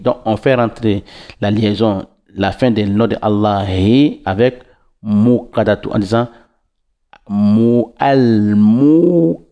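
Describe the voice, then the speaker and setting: A man teaching Quran recitation, patiently breaking words into syllables and repeating them slowly. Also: on the low side, steady tone. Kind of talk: slow syllable-by-syllable recitation lesson. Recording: dull lo-fi recording.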